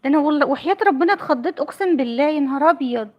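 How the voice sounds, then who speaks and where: High-voiced doting Egyptian mother. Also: very fast, lo-fi sound. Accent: Egyptian Arabic. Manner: chatty and doting, laughs often. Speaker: mother filming her child. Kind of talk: casual family vlog on a phone call.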